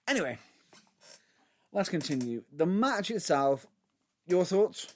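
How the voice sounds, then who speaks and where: A man's voice: sits high, sing-song, slow. A man co-hosting a podcast, laughing often and steering the talk onward. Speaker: podcast co-host. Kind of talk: casual chat.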